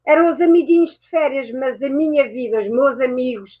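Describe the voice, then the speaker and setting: A woman raised in France, appearing as a guest mentor, shares her own story in a reflective way, correcting herself often as she chats. Her voice is high and a little quick, and the audio sounds tinny, like a phone line.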